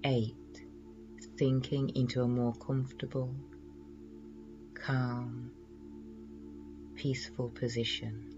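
A man leading a guided relaxation in a slow, soothing hypnotist's manner, measured and full of pauses. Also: medium pitch, level tone, lo-fi sound, over music.

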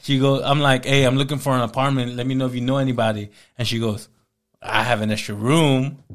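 An interview guest in his thirties tells his life story at a fairly quick clip and medium pitch. He stays casual and animated, acting out the quoted dialogue throughout.

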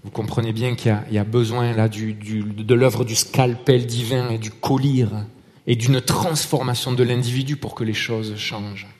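A man preaching a sermon in a relaxed, conversational way. He tells stories, hesitates and restarts, and speaks French with a foreign accent. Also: medium pitch, normal speed, big-room sound.

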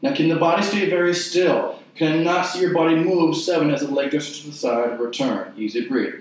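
A man leading an exercise class, giving short, clipped cues and counting repetitions in a measured rhythm. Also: a little high. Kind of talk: guided mat exercise instruction with counted repetitions. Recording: very echoey room, distant mic.

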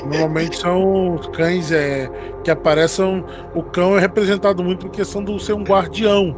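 A man with a voice pitched a bit high chats and explains in a relaxed, loose way on a podcast. Clear music runs underneath his talk. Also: normal speed. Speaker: podcast co-host. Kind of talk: casual podcast chat.

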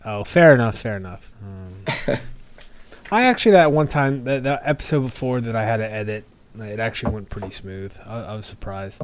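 A man's voice: lowish voice, animated, a little fast. A man hosting a casual podcast with friends, talking in a loose, rambling way with lots of fillers. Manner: rambling, many fillers and restarts. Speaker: podcast host. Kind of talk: casual chat among friends.

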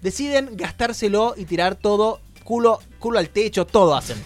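Quiz host: Rioplatense woman, lively pitch, casual and stumbling, light music bed. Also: moderate pace. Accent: Rioplatense Spanish. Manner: animated, reads questions with stumbles and laughs. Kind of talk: casual trivia quiz chat.

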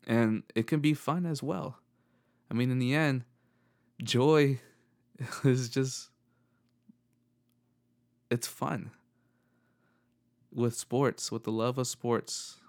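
A young man hosting his own podcast, talking in an earnest, reflective monologue with frequent halting restarts. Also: medium pitch, vocal fry. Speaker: podcast host.

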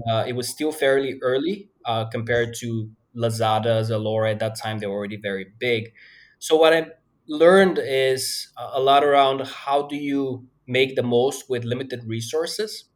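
A man in his thirties, from Bulgaria, speaking as a podcast guest. He talks at an ordinary middle pitch, thinking aloud and pausing often as he recounts his path. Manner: hesitant, many fillers and restarts. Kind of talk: conversational interview answers.

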